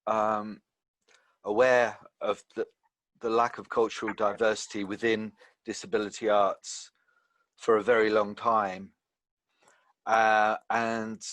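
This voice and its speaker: A man's voice: fairly low pitch, fairly bright tone, no room sound. A man speaking as a guest in an online panel discussion, hesitant, with many fillers and restarts. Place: home, online video call.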